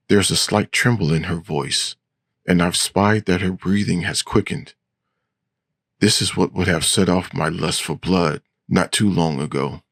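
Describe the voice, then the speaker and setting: A man's voice: low-pitched, no room sound. A man narrating gothic horror in the voice of an old vampire, formal and courtly. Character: centuries-old male vampire, composed and menacing. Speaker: audiobook narrator.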